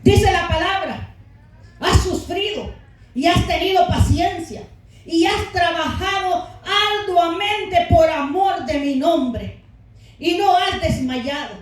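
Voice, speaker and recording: A woman preaching a fervent Pentecostal sermon, calling out to the brethren and rising to shouts. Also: extremely high pitch, slow. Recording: very echoey hall, voice from far off.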